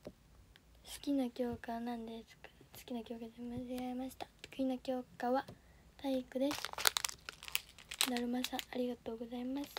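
A teenage girl with a Kansai accent, livestreaming for an audition and politely answering viewer comments in a soft, often half-whispered voice. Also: a little high, level tone, moderate pace, pauses often, noisy background. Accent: Kansai Japanese. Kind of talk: casual livestream chat reading viewer comments. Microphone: phone camera.

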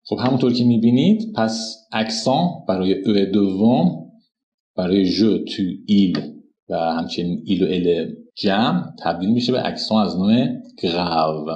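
A man's voice: low-pitched, expressive, a little mellow, highs cut off. Man teaching in an echoey room. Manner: explanatory, spells out conjugations slowly. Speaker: French teacher. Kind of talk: recorded lesson at a whiteboard.

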